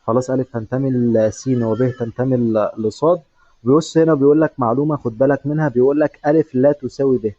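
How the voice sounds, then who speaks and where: A man with an Egyptian Arabic accent teaches math at a brisk pace and talks straight to the student. He slows down to stress the key words one at a time. His voice is mellow, and the recording is dry and a bit dull. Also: medium pitch, no echo. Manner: addresses the student directly, repeats and stresses key words slowly.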